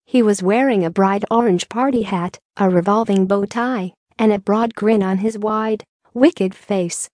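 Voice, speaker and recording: Mellow woman narrating an audiobook. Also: mid-range voice, measured pace, few pauses, no room sound, clean studio sound. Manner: steady storytelling read.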